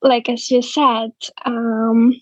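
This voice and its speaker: A woman in her twenties with a Ukrainian accent, telling her story as an interview guest, slow and halting with many pauses. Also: on the high side, flat delivery, darkish tone, no echo, dull audio. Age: 20s. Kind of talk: interview testimony.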